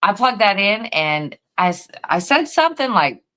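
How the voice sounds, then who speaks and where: A woman's voice: medium pitch, very animated, moderate pace, sharp tone, rough recording. A tired woman co-hosting a paranormal podcast, telling a rambling story full of fillers and restarts. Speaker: podcast co-host and paranormal investigator. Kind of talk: casual chat.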